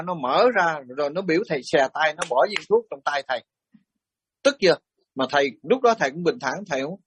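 A middle-aged man, a Buddhist monk giving a storytelling dharma talk, animated and blunt as he acts out quoted exchanges. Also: high voice, husky, no room sound, lo-fi sound.

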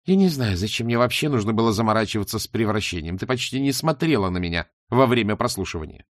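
A man's voice: fairly low pitch, lively intonation, fast talker, no room sound, studio quality, voice pushed down, lightly acted. A man playing a furious scheming young woman. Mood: mocking. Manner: snapping, shouting, mocking.

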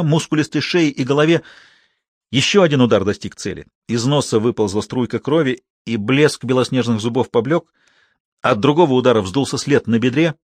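A man reading a novel aloud as an audiobook narrator, steady and measured. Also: medium pitch, husky, no room sound, clean studio sound.

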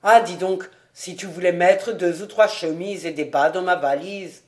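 An amateur audiobook reader voicing a jovial, stout middle-aged male tax collector who exclaims loudly and often. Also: a little slow, lightly acted. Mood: hearty. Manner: booming, exuberant, exclaiming. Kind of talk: audiobook character reading.

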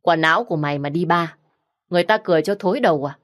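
A woman voicing a pushy, cheerful young female friend who wheedles and bosses loudly in a storybook reading. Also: fairly low pitch, rapid-fire, close to an everyday voice. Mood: teasing. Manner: wheedling, bossy, loud.

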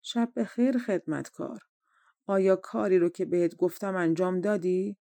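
A woman's voice: lowish voice, gravelly, mellow, dry recording. A woman reading a stern old crone giving orders. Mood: commanding. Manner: commanding, demanding. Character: stern old woman setting hard tasks.

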